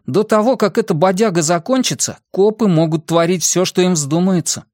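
A man voicing an excitable, cynical teenage boy in an audiobook, talking loudly. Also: high-pitched, normal speed, dry recording, studio quality, voice pushed up, close to an everyday voice. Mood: excited. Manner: loud, animated.

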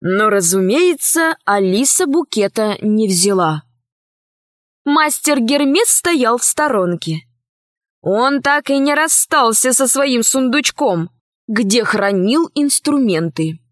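A woman's voice: a little high, animated, takes it slowly, dry recording, studio quality. Woman narrating a storybook.

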